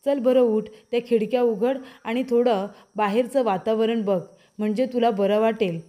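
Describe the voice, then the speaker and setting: A young husband from a TV serial coaxes his wife to calm down, as a woman narrator voices him. The voice is a little high and warm. He repeats his pleas in a soothing way. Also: moderate pace, close to an everyday voice.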